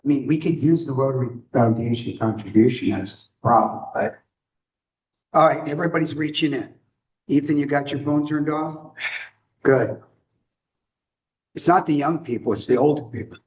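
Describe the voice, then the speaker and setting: A man running a club meeting in a relaxed, joking way, welcoming members and guests. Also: medium pitch, recorded from a distance, low-quality recording. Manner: relaxed, joking, slow-paced. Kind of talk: casual meeting chat.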